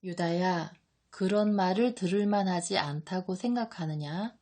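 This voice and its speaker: A woman's voice: on the low side, unhurried, darkish tone. A woman giving voice to a solemn, grave Jesus. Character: calm, solemn male teacher. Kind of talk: audiobook reading.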